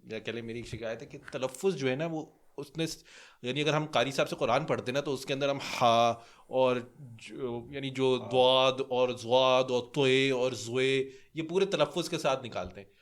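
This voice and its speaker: A man's voice: mid-range voice, few pauses. Man, young adult, from Pakistan, podcast co-host, casual rambling chat, lots of fillers. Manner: relaxed, rambling storytelling with many fillers.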